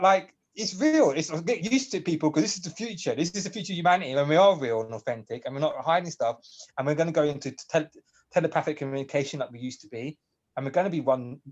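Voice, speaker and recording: A man's voice: fairly high pitch, dull audio. A man chatting on a video call, rambling and emotional, often laughing as he talks. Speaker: guest on a community video call. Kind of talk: casual chat.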